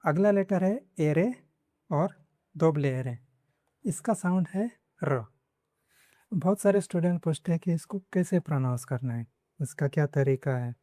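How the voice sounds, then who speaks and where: A man's voice: a little high, warm tone, dry recording, studio quality. A man teaching a pronunciation lesson in Hindi, repeating each example word several times. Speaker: Spanish teacher.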